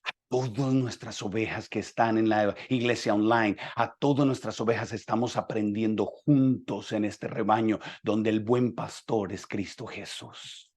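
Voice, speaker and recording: A man preaching a sermon as pastor, acting out the dialogue with dramatic swings from soft to loud. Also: on the low side, steady tone, a little slow.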